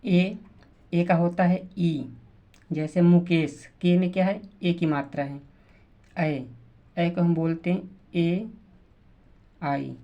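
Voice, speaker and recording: A woman teacher, explaining spelling slowly, repeating words and sounding out letters. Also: lowish voice, fairly even intonation, dull audio. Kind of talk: slow classroom explanation.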